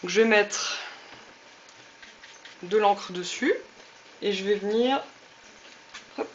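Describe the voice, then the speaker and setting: A woman's voice: medium pitch, takes it slowly, slight background noise. Woman, homemade craft tutorial, chatty with fillers, dull lo-fi audio, pots and pans clattering. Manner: chatty, many fillers and little "hop" cues. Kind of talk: casual demonstration.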